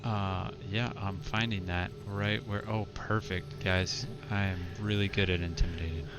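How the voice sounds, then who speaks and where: A man's voice: low-pitched, fairly even intonation, moderate pace, over music. A man chatting casually as a player in a tabletop game.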